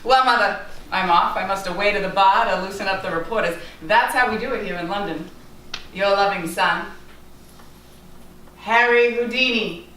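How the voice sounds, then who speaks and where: A woman's voice: medium pitch, moderate pace, sharp tone, close to an everyday voice. A woman playing a boastful, vain male escape artist, speechifying in a grandiose, self-important way in a stage monologue. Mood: grand. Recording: echoey distant stage recording, noisy.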